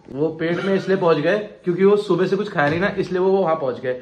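A young man with a high, lifted voice, chatting and joking to his viewers in a casual travel vlog. He talks them through his day in a friendly, running patter. Faint street noise sits under his voice. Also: quick pace, lo-fi sound. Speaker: vlogger.

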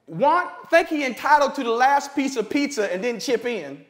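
A man's voice: very high voice, very animated, moderate pace, a bit bright. A middle-aged male pastor, preaching a sermon in a loose, conversational way with comic asides and acted-out dialogue.

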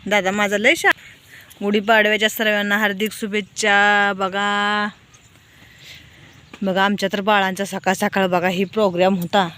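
A woman's voice: mid-range voice, level tone, moderate pace, bright, forceful tone. A woman, vlogging at home as she coaxes her toddlers in a sing-song voice. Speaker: vlogger and mother. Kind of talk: casual home vlog talking to small children.

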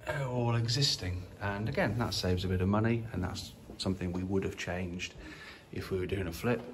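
A man with a fairly low-pitched voice gives a relaxed tour of an empty house for a walkthrough video, speaking into a handheld phone at arm's length. As a property investor, he rambles with many fillers and restarts, and faint hiss or hum sits in the audio.

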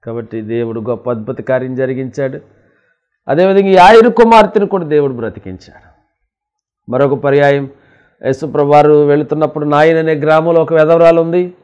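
A man who is a pastor, preaching a sermon with emphatic swings from loud, high scripture quotes to low asides, calling his listeners children of God. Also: brisk, smooth, lo-fi sound. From India.

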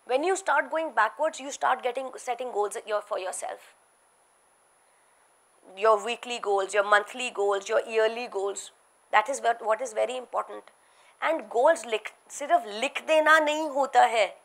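A woman's voice: fairly high pitch, brisk, a bit bright. A middle-aged woman with an Indian accent giving an emphatic motivational lecture, repeating key phrases for weight. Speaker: entrepreneur giving a guest lecture. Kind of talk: motivational talk to students, switching between English and Hindi. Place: large auditorium stage, indoors.

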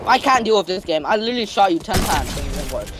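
Hyped high-pitched gamer bro. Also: male voice, very animated, quick pace, heavy background noise. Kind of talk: competitive gaming chat.

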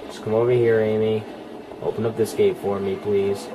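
Indoors, a man films his TV screen while playing a horror game, talking straight at it with casual, profane commentary. His lowish voice barely moves in pitch and runs at normal speed, and the noisy room recording picks up the game sound.

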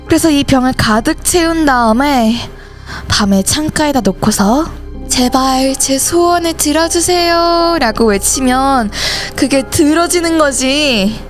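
A woman's voice: high voice, measured pace, faint music behind. A woman voicing every teenage schoolgirl character in a school horror story, switching between them in dialogue. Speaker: channel host and voice actor.

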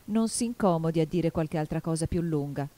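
A woman's voice: sits low, fairly quick, warm tone, close to an everyday voice. A woman voicing a polite, earnest little girl in a storybook.

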